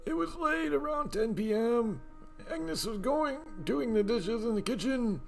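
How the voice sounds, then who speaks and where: A man voicing an older husband in a game, with a put-on gravelly old man voice that sits higher than his own. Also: animated, a little slow, soft background music, exaggerated voice. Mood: recounting.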